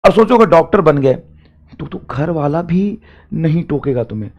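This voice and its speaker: A young male teacher talks to students preparing for exams, pushing them hard in an emphatic, repetitive way. His voice sits a little above the usual male pitch, and he rises into loud urging before dropping to quiet, confiding asides. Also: lively intonation, moderate pace. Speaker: teacher giving a motivational talk. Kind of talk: motivational talk to exam students.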